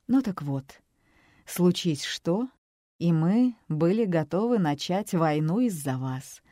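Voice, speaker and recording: A woman voicing a calm, commanding male government official. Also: lowish voice, slow, no echo, studio quality. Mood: assured.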